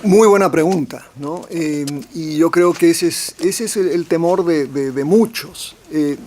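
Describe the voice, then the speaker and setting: On a forum panel about politics, a professor speaks hesitantly, restarting phrases, repeating words, and ending sentences with tag questions. His voice is fairly high-pitched and a little mellow, at a measured pace.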